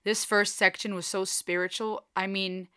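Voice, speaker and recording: Woman, 30s, music reaction host, earnest, emotional, smooth voice, home studio. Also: mid-range voice, little pitch movement, normal speed, pushed and bright. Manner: earnest, emotional, thinks aloud. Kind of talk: casual reaction commentary. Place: small home studio, indoors.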